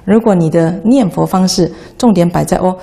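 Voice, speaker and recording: A woman's voice: on the low side, normal speed, vocal fry, warm tone. A woman, a Buddhist nun, giving a patient, instructive dharma talk on how to chant.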